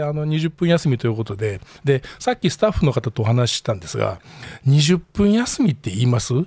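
A middle-aged man with a Kansai accent hosts a relaxed solo chat from his small office, rambling and self-deprecating, often chuckling. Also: mid-range voice, slightly rough, no echo. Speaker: podcast host.

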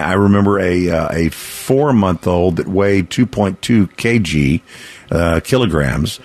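An American man hosting a live radio charity pledge drive, pitching a limited-time offer in a folksy, rambling, earnest and persuasive way. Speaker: radio fundraiser host.

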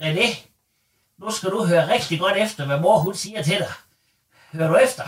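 Man playing a shrill foul-mouthed mother. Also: distant mic, a little hiss or hum, natural voice. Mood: spiteful. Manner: shouting, swearing, insulting. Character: crude foul-mouthed middle-aged mother, bossy and spiteful. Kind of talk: comedy radio sketch. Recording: roomy echo, off-mic.

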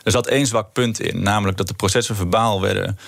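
Casting note: low gravelly man, quick-talking politician, dry close mic. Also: steady tone, fairly bright tone, no echo. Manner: fast, repeats words when starting, argues firmly. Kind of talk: political interview.

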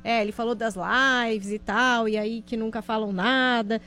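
A woman co-hosting a live online show, reading out viewer questions in a brisk, conversational way. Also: fairly high pitch, fairly even intonation. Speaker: co-host.

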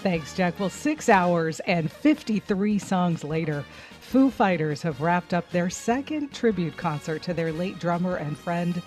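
A woman's voice: fairly low pitch, expressive, unhurried, darkish tone, faint music behind. A woman co-hosting a morning radio show, chatting and reading news stories in a conversational way, laughing easily. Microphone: studio microphone.

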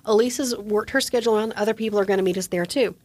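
A woman's voice: medium pitch, very fast, darkish tone. A woman in her forties co-hosting a podcast, chatting casually and telling a story while acting out the quoted voices. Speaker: podcast co-host. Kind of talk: casual chat.

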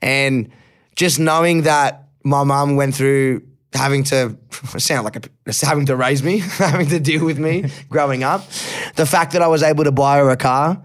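A man's voice: mid-range voice, moderate pace. An Australian man, a rapper guesting on a podcast, talking candidly and reflectively in casual chat, swearing now and then and repeating words when moved.

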